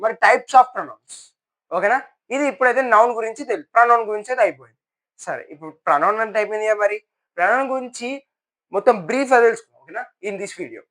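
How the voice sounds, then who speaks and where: Tutor, male, high-pitched and bright, loose explaining lesson style with frequent check-ins. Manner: keeps checking with "okay?", repeats points. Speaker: grammar tutor. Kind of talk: casual grammar lesson.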